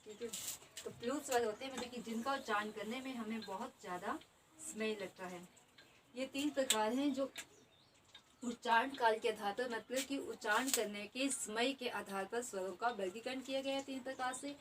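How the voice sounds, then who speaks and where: A woman's voice: fairly high pitch, normal speed, recorded from a distance, background noise. A woman teaching an exam-prep grammar lesson, explaining each term twice and repeating definitions.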